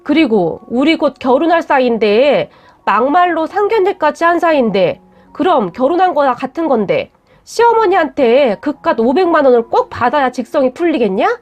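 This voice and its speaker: A woman's voice: high-pitched, sing-song, moderate pace, faint music behind. A woman voicing a blunt, defensive young man who scolds his fiancée in a read-aloud story. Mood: scolding.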